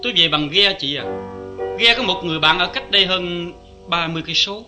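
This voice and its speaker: A man playing a soft-spoken wandering drifter. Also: sits high, a little fast, lightly acted. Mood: reflective. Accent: Southern Vietnamese. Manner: soft-spoken, reflective and poetic. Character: weary wandering man, a guarded, poetic drifter. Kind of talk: vintage radio drama acting. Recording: faint music behind.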